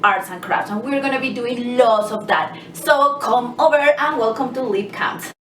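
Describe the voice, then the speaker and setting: A woman from Colombia, hosting a craft workshop and giving cheerful, clear instructions to young children. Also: a little high, slight background noise. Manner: cheerful, slow and clear, talking to small kids. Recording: echoey room, mic at a distance.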